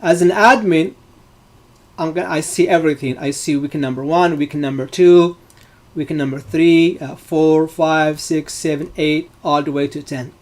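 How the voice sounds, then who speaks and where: A middle-aged man from Morocco, with a fairly high voice, leads a live online data science class. He explains each step patiently and fills his pauses with many ums and uhs. He often restarts his sentences as he goes. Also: steady tone. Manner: explanatory, frequent fillers and restarts.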